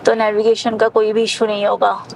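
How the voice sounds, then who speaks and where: A woman's voice: medium pitch, monotone, moderate pace, creaky, darkish tone, a little hiss or hum, low-quality recording. Chatty woman vlogging from a car. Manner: chatty, points out sights along the road. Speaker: travel vlogger. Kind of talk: casual travel chat. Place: inside a car on a mountain road.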